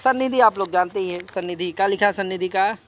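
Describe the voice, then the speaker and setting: A man's voice: sits high, quick pace, slight background noise. A man teaching a classroom lecture, mixing recited texts with explanation and constantly quizzing his students. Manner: quizzing students with repeated questions; mixes Sanskrit recitation with Hindi explanation. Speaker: Sanskrit teacher.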